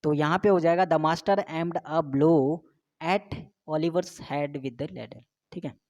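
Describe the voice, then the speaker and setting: A woman teaching an exam-prep grammar lesson, reading sentences out slowly and explaining step by step. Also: sits low, a little mellow.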